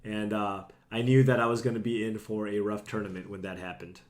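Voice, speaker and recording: A man's voice: on the low side, flat delivery, a little fast. A young man who is a bit sick and losing his voice, chatting casually with viewers on a live stream from a room at home. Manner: chatty, self-deprecating, talks to chat. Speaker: streamer playing a card game.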